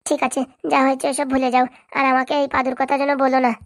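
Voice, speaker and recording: A hurt young wife stands her ground with insistent replies in a cartoon, voiced by a woman. Her voice is high and the delivery very fast. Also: monotone. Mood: firm. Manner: insistent, self-defending. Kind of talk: cartoon voice acting.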